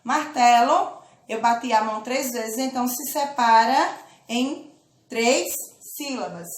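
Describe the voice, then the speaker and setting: A woman teaching a children's lesson, speaking slowly and patiently, drawing out words and often checking in with her listeners. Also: on the high side, reverberant. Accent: Brazilian Portuguese. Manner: slow, patient, drawn-out syllables with check-in questions. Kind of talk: children's lesson, clapping out syllables.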